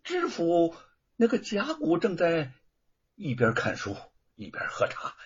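A male storyteller narrating with animated, theatrical delivery, his husky, high voice swooping widely. The recording sounds dull and lo-fi. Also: unhurried.

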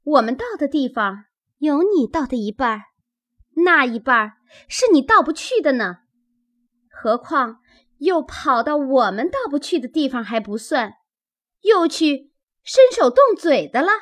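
A woman voicing a quick-tempered young maid who scolds rapidly in a high, shrill voice. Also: sing-song, fairly bright tone, exaggerated voice. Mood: scolding.

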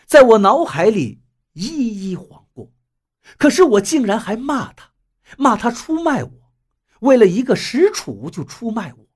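A man's voice: darkish tone, breathy edge. A man narrating a suspense novel as an audiobook, with dramatic storytelling. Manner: dramatic storytelling with wide pitch swings.

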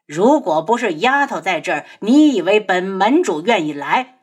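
A woman's voice: mid-range voice, big pitch swings, normal speed, breathy edge. A woman voicing a proud, scornful man who leads a sect and speaks with a sneer. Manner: sneering, threatening. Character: proud male sect leader, scornful and fierce.

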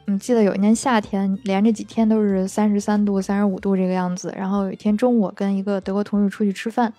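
A woman's voice: mid-range voice, little pitch movement, fast, no echo. A woman teaching German, chatty and explanatory, acting out example phrases as she goes. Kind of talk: explanatory language lesson. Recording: dry close recording with soft background music.

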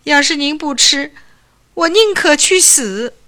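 A woman's voice: very high-pitched, slow, bright, forceful tone, pitched above the performer's own voice, exaggerated voice. A woman voicing a young male chicken thief who whines and pleads in a fearful voice. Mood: begging.

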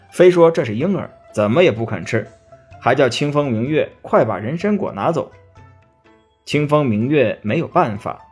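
A man narrating a classic tale in an expressive storytelling manner. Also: medium pitch, breathy edge.

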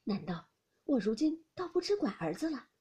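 A woman voicing an anxious noble mother near fifty, in a soft, breathy half-whisper for an audiobook of a classic novel. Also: fairly high pitch, big pitch swings, normal speed, heavily acted. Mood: grieving.

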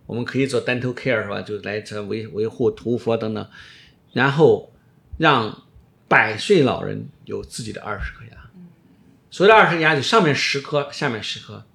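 A man's voice: medium pitch, moderate pace, creaky, pushed and bright. A middle-aged man, an orthodontist being interviewed, explaining casually and emphatically, often repeating his phrases. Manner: emphatic, repeats phrases, drops in English words.

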